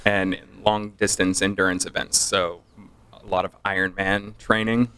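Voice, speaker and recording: A man chatting as a podcast guest, relaxed and self-deprecating as he tells stories. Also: low-pitched, a little slow, clean tone. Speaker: guest, audio manufacturer rep. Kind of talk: casual podcast chat.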